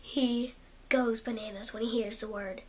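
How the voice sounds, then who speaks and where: A girl chatting playfully to her own camera, often dropping to a hushed whisper. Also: on the high side, steady tone, a little slow. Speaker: home video maker. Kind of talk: casual self-filmed chat. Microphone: camera mic. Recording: noisy home video recording.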